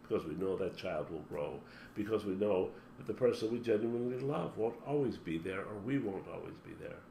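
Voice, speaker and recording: He speaks fairly quickly in a fairly low, dark, creaky, expressive voice, giving a forceful motivational talk as a spiritual teacher and reeling off long lists. Room echo and a faint hum come through.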